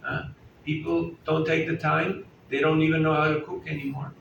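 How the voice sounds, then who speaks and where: On the high side and a bit bright, this man's creaky voice holds a level tone at a moderate pace. He's a spiritual teacher giving a conversational talk at a festival, quizzing and joking with the crowd indoors, recorded from a distance in an echoing hall with faint background noise.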